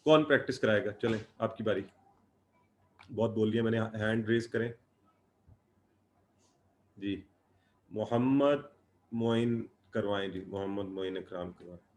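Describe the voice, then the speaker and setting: A man teaching an Arabic grammar class. He explains patiently and drills verb forms in slow, repeated lists. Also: on the low side, a little hiss or hum. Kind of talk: online class lecture.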